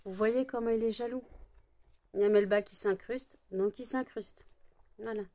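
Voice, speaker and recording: A French woman talks casually into her camera, her voice high and shrill. She is tired and barely awake, and she rambles with many fillers and false starts, scolding her dogs now and then. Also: fairly even intonation, moderate pace, mellow. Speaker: vlogger.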